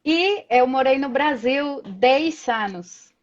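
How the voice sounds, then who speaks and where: Taking it slowly, a woman from Colombia speaks in a high voice with lively intonation as a guest on a lo-fi live video call. She's in her thirties, Spanish is her first language, and she chats casually, telling stories with many tag questions.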